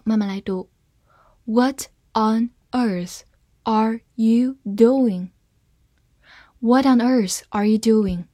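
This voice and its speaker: A woman with a fairly high voice reads out a scripted vocabulary lesson at an unhurried pace. She spells each word letter by letter and models the example sentences with care. The sound is dry and close, with no room around it. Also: a little mellow, no echo. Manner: slow, careful spelling and model readings. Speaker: English teacher.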